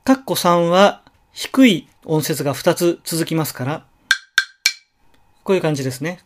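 A man teaching pronunciation in a slow, careful lecture, pausing to model single syllables and words. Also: fairly high pitch. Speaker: language teacher.

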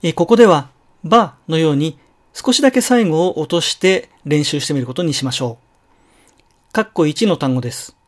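A man acting out a patient pronunciation teacher, lecturing slowly in a slightly raised voice. He stops often to sound out single syllables and short words with care. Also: on the high side, lively intonation. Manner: slow, careful, with drawn-out model syllables. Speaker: language teacher. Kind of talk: slow instructional lecture.

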